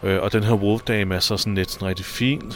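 A man co-hosting a casual podcast, retelling a TV episode in a lively way with frequent restarts and filler words. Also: lowish voice, a little hiss or hum. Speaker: podcast host recapping a TV episode. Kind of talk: casual chat.

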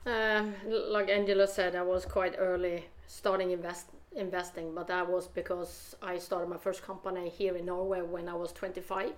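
A woman's voice: fairly low pitch, level tone, moderate pace, few pauses. A Swedish woman in her fifties with a Swedish accent, speaking English as a guest investor, hesitant with many fillers. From northern Sweden. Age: 50s. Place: studio.

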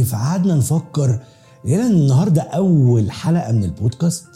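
Fast-talking Egyptian man, dark voice. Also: mid-range voice. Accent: Egyptian Arabic. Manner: animated, slangy storytelling with mimicked voices. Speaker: podcast host. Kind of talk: comic monologue.

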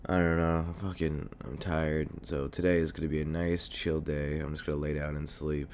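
A congested young man hosts his solo podcast in a deep, hoarse, darkish voice with little pitch movement at a moderate pace. He rambles casually, swearing and using many fillers, into a desk mic near his home computer, and a little hiss or hum can be heard.

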